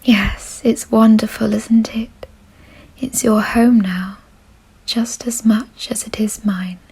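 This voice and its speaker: Woman acting as kindly vampire noblewoman, hushed airy whisper, slow pace, reassuring, doting, refined, ASMR roleplay. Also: on the high side, fairly even intonation, exaggerated voice, low-quality recording. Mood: fond, doting. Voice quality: soft, breathy whisper. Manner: gentle, reassuring, genteel, unhurried. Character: kind, doting aristocratic female vampire owner.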